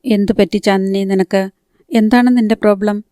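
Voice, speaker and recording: A woman voicing a soft-spoken, puzzled young man in a storybook read-aloud; smooth and clear. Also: medium pitch, fairly even intonation, normal speed, no room sound, clean studio sound, natural voice.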